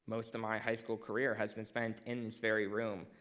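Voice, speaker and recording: A teenage boy giving a prepared stage talk to a school audience, measured and dry, with a self-deprecating sense of humor. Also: on the low side, monotone, a bit bright, poor audio. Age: teens. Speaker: student speaker.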